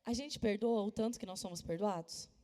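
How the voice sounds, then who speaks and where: A woman pastor from Brazil preaching a sermon and telling a personal story with emphatic, lively delivery, at times dropping to a soft voice. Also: medium pitch, a little fast. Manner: animated, emphatic storytelling, drops to soft voice for quotes. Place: church. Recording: long reverb of a church hall.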